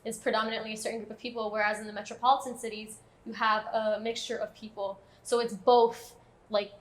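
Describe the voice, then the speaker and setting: Higher-pitched chatty young woman. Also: little pitch movement, fairly quick. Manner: chatty, tags points with "right?". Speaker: panelist. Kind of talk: casual discussion.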